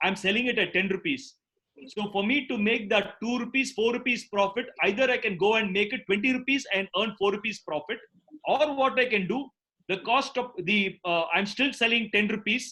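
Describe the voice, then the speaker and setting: Male guest speaker, South Indian accent, high voice, very quick, emphatic motivational business delivery. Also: bright, forceful tone, poor audio. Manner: emphatic, repeats points, switches between English and Tamil. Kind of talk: motivational business talk answering audience questions.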